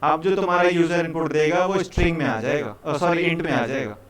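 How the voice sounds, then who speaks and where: A man from India leads a live programming lesson in a classroom, speaking to his students in a loose, friendly, chatty way. He keeps checking in with them as he goes, and his voice sits a little on the high side. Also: fairly quick. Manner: casual, repeats "ठीक है" and "भाई", coaxing students. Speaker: programming teacher.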